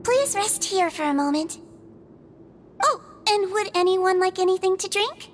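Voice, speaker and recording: A woman voicing a small, gentle, caring girl nurse in a video game, speaking sweetly and attentively. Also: very high-pitched, expressive, unhurried, slight background noise. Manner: sweet, attentive, politely instructive. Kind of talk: scripted video game acting. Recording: background music under the voice.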